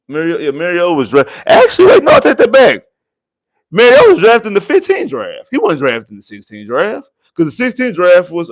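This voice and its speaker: A man hosting a postgame livestream, talking in a casual, repetitive, animated way. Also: a little high. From United States. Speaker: sports show host. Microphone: desk mic.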